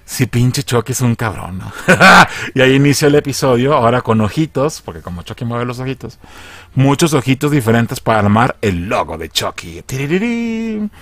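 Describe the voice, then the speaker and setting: Lively man recapping an episode. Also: medium pitch, normal speed, no room sound. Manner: slangy, animated, acts out quoted lines in shifting voices. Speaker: video reviewer.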